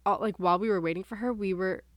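A woman's voice: medium pitch, steady tone, fast, dry recording. Chatty young American woman, dry close mic. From United States. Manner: chatty storytelling full of "like" and "um". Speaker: podcast co-host. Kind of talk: casual chat.

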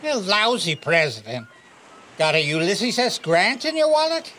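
Gruff old salty fisherman, swooping delivery. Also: high voice, sing-song, a little slow, sharp tone, a little hiss or hum, heavily acted. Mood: gruff, cagey. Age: older. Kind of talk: comedic noir audio drama acting.

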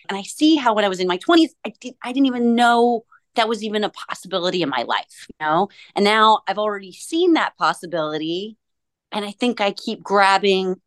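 A woman's voice: mid-range voice, no room sound. A woman in her late thirties, a session participant, telling a personal story before her question. She reflects aloud and searches for words as she goes. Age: late 30s.

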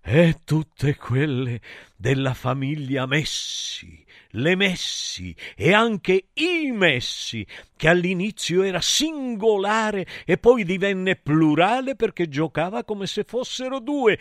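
A man's voice: high voice, very animated, slow, a bit bright, dry recording, clean studio sound. A man telling a satirical myth in a theatrical, ironic way, full of wordplay. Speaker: storyteller. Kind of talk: satirical mythological storytelling.

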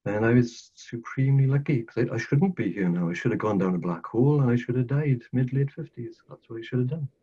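A man's voice: medium pitch, lively intonation, fairly quick, hardly any pauses, mellow, husky. An older man from South Wales with a Welsh accent, a podcast guest telling his life story earnestly, repeating phrases for emphasis. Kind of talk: casual storytelling interview. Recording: dull lo-fi audio.

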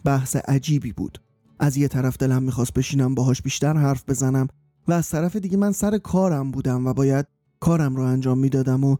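A man in his forties from Iran, telling a personal story in a wry, self-mocking, unhurried way. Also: medium pitch, warm tone, no room sound, clean studio sound. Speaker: storyteller and documentary reporter. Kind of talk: scripted personal storytelling over music. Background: faint background music.

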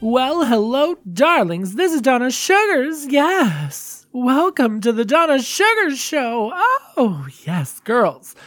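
A man's voice: very high-pitched, very animated, takes it slowly, few pauses, fairly bright tone, voice pushed up, full character voice. A man voicing a gushing, theatrical drag queen hostess in a campy, exclamatory podcast intro. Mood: grand greeting.

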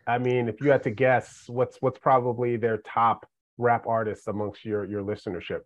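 A man's voice: medium pitch, flat delivery, normal speed, dry recording, highs cut off. A man in his forties, a podcast guest, talking in a laid-back, joking, self-mocking way. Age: 40s. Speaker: podcast guest, management professor. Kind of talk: casual chat.

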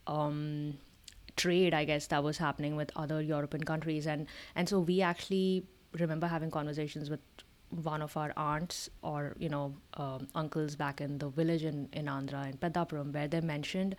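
Woman, lowish voice, chatty and explainy, keeps checking you get it. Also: little pitch movement, normal speed. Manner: explanatory, often checking with "right?". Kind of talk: casual conversational discussion.

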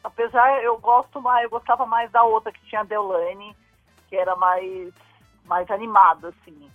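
A woman's voice: mid-range voice, flat delivery, moderate pace, dry recording. A woman calling in to a radio show over the phone, chatting casually with small hesitant restarts. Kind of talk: casual call-in chat. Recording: tinny phone line, faint music.

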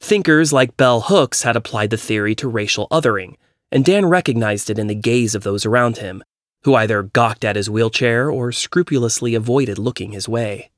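Male narrator for a reflective personal essay, mid pitch, measured delivery, dry close recording. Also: dry recording.

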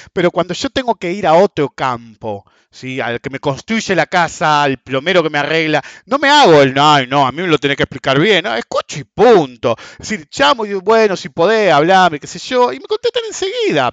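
Fairly high-pitched and fairly bright, this forties-aged Argentine finance commentator speaks in Rioplatense Spanish with no room sound. He vents casually and sarcastically to his followers about markets, cursing freely, and the audio is dull, dry and lo-fi.

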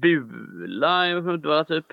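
A man's voice: on the high side, sing-song, creaky, dry recording, muffled recording. A man co-hosting a podcast in casual chat, teasing and joking with his friend. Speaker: podcast co-host.

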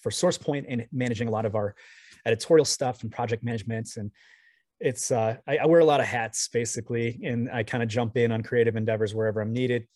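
A man's voice: medium pitch, fairly even intonation, fast, a little mellow, no room sound, clean studio sound. A man, a guest in an interview, talking over a video call with a shaky connection, rambling and restarting his sentences often. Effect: heard over a video call with a shaky connection. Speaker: guest, comics editor. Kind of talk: casual interview talk.

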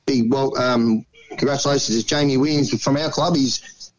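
A man's voice: medium pitch, steady tone, moderate pace, a little hiss or hum, rough recording. A man with an Australian accent chatting casually as a radio correspondent, in a blokey, plain-spoken tradesman's manner. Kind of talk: casual chat.

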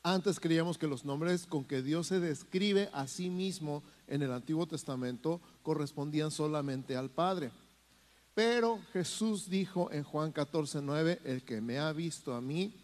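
A man's voice: on the high side, darkish tone, long reverb tail. A man preaching a teaching sermon, reading scripture aloud and addressing the congregation. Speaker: pastor. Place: church hall.

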